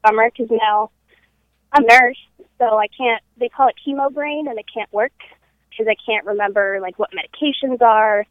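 A woman's voice: fairly high pitch, moderate pace, dry recording. A woman in her twenties speaking as a podcast guest over a conference call phone line, upbeat and candid. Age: 20s. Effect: heard over a conference call phone line. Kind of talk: casual interview talk. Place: at her parents' house. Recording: tinny phone line, dry.

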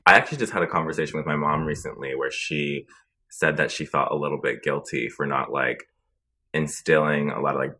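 Podcast guest: man, extremely deep buzzy fry voice, monotone, bright edge, chatty. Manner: chatty, many filler likes. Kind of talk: casual chat.

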